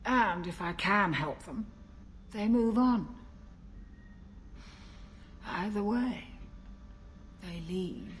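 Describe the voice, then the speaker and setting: A calm older ship's doctor in a video game, wry and gentle. She speaks slowly and reflectively, at a middling pitch. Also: a little hiss or hum. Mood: wistful. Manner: gentle, reflective, measured delivery. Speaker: game character.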